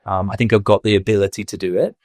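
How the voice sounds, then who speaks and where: A fast, flat delivery in a fairly low, slightly mellow pitch comes from a Mancunian man in his thirties. He owns a school and, as a podcast guest from Manchester, reflects on his career with frequent filler words. There's no room sound.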